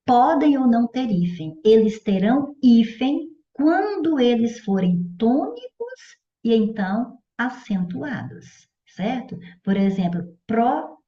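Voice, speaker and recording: A woman's voice: on the high side, lively intonation, slow pace. A Brazilian woman teaching Portuguese grammar for exams. She talks in a didactic way and keeps checking in with her students. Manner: didactic, checks in with "certo?" and "olha". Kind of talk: explanatory exam-prep lesson. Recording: dull echoey room audio.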